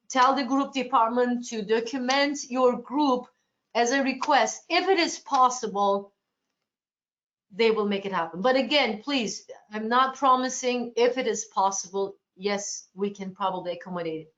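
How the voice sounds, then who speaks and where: A Turkish woman presents cruise sales in a webinar, fielding agents' questions in a voice on the high side with a fairly bright tone at a moderate pace. She often restarts her sentences, staying reassuring and accommodating, and the webinar audio is lo-fi.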